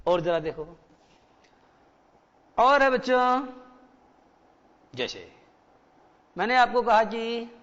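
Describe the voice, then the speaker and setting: A man's voice: very high-pitched, lively intonation, extremely slow, long pauses, fairly bright tone, big-room sound, dull audio. A male teacher giving a grammar lesson in a mix of Hindi and English, repeating key words and asking the class questions.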